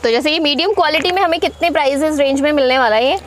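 A woman's voice: high voice, rapid-fire. A woman vlogger touring a shop, presenting products in an upbeat way and asking about prices. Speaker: vlogger host. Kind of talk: market tour vlog. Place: crowded wholesale shop, indoors.

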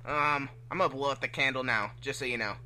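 Teasing young cartoon hedgehog hero, voiced by a man, amateur fan fiction read, forceful bright mid-pitched voice. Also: fast, a little hiss or hum. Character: cocky, teasing, laid-back male blue hedgehog hero.

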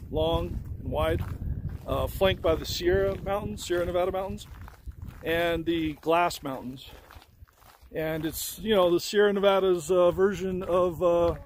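This travel vlogger's high-sitting male voice carries a little hiss or hum as he narrates casually during a hike. He chats outdoors on the trail in a loose, rambling way packed with fillers, recorded through his camera mic.

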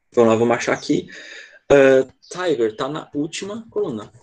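A man's voice: medium pitch, darkish tone. A man teaching an online English lesson to children, patient and constantly checking in with short questions. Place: online class over a video call.

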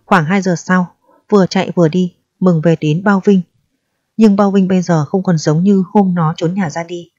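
A woman narrating an audiobook with calm, steady storytelling, on a slightly dull lo-fi recording. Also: on the low side, normal speed. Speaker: audiobook reader.

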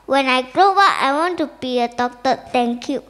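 A speaker reciting a short self-introduction slowly and carefully. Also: female voice, high-pitched, fairly bright tone, long reverb tail.

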